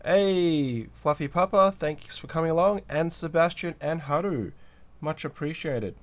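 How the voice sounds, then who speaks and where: A man with a fairly high, unhurried voice hosts a livestream while nursing a cold and sore throat, so he sounds nasal. He chats casually, greets viewers, and reads out the chat as he builds a kit.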